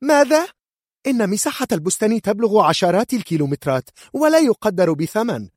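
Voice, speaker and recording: A shrill, furious noble mother, as a man puts her on for a storybook reading, raised far above his own voice and loud with outrage. The sound is husky and dry, close with no room around it. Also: very animated, fairly quick, no echo. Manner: outraged, indignant shouting. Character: furious proud noble mother, older woman.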